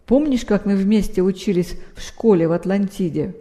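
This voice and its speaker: A woman's voice: medium pitch, normal speed, dark tone, long reverb tail, close to an everyday voice. A woman reading the lines of an exalted, eccentric man who speaks effusively. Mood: gushing. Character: exalted eccentric man, gushing over old friendships.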